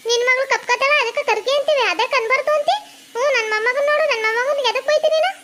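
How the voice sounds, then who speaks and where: A woman's voice: very high voice, racing, fairly bright tone, voice pushed up. A woman voicing a scolding, mocking old mother-in-law. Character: sharp-tongued old mother-in-law, grandmother.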